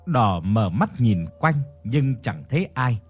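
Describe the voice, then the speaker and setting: A man narrating a ghost story in a slow, expressive storytelling manner. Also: medium pitch, soft background music.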